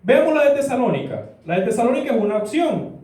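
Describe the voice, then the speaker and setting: A man's voice: very high-pitched, very animated, fast. A man voicing a patient apostle Paul. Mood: explaining. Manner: patient, gently explaining. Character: the apostle Paul, patient older male advisor. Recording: echoey church room, distant mic.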